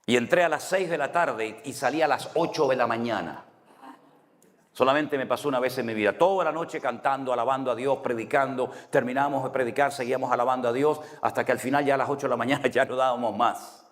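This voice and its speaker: A man's voice: mid-range voice, fast talker. A man from Spain with a Canary Islands accent, a pastor giving a conversational sermon full of anecdotes and asking the congregation "right?" often. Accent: Canary Islands Spanish. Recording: long hall reverb.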